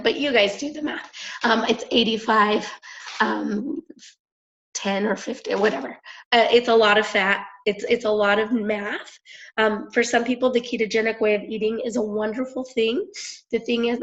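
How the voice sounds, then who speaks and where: Young woman host, hoarse and raspy, chatty and filler-heavy, mid-pitch, dull lo-fi call line. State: hoarse, clearing throat. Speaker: independent promoter hosting a conference call. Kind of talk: casual phone-call presentation. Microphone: phone or conference line. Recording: dull lo-fi conference call audio.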